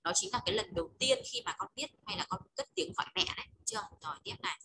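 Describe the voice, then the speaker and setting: A woman's voice: mid-range voice, sing-song, very fast, background noise. A woman teacher from Vietnam running an online exam-prep lesson, prompting and correcting her students. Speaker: Chinese teacher. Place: online class.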